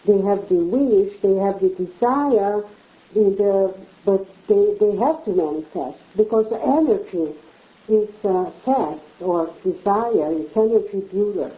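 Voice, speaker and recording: A woman's voice: mid-range voice, lively intonation, unhurried. Woman, echoey. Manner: earnest, explains with repeated phrases. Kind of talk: casual conversation. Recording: echoey room, dull lo-fi sound.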